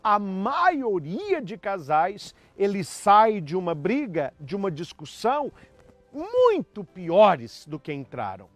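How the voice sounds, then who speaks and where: Animated priest giving advice. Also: male voice, high-pitched, takes it slowly, no echo. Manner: emphatic, teacherly, animated. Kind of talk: motivational talk on marriage.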